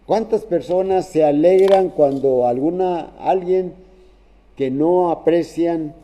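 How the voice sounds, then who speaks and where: A man preaching a sermon in a halting way, restarting phrases and often checking in with "¿verdad?". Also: a little high, warm tone.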